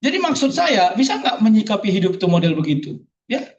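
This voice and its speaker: High-voiced joking preacher. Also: male voice, very animated, fast talker. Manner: jokey, asks the audience rhetorical questions. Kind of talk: sermon at a religious gathering. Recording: distant, dull hall recording.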